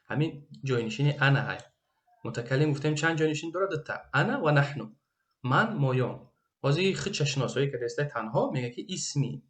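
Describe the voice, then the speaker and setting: Tajik-accented male Arabic teacher, patient, repeats and translates each phrase, mid-pitched voice. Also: fairly bright tone. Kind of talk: recorded Arabic grammar lesson.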